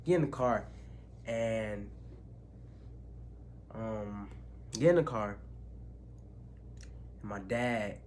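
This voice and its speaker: A young man in casual vlog storytelling, sharing an emotional personal story in slangy speech with restarts and pauses. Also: lowish voice, a little mellow. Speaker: vlogger. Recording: faint background noise.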